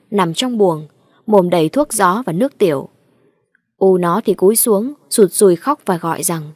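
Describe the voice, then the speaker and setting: Lady telling a creepy ghost story, slow and measured, dry close mic, middle pitch. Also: darkish tone, no echo. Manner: slow, measured, dramatic reading. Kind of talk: scripted ghost story narration.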